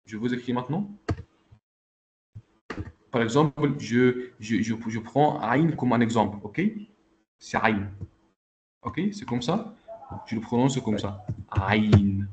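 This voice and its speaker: A man's voice: mid-range voice, measured pace, pauses often, darkish tone, a little hiss or hum. Patient male teacher on a video call. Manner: patient, repeats checks like "ok?" and "d'accord?". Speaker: Arabic teacher. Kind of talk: online class teaching.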